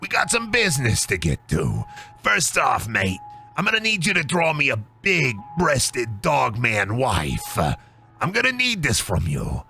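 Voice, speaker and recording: A gravelly, husky cartoon wolf, put on by a man who wheedles like a streetwise grifter. His pitch swings widely as he leans on every favor he asks, and his tone stays bright and edgy. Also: wildly swooping pitch, measured pace, soft background music, full character voice. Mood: wheedling. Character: scheming gravelly cartoon wolf, shady pal. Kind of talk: improvised comedic character voice.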